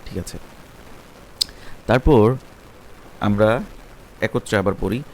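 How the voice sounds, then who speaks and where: A man with a Bangladeshi Bengali accent teaching Quran recitation step by step, spelling out letters and vowel marks, then chanting words slowly and drawn out. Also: lowish voice, a little mellow.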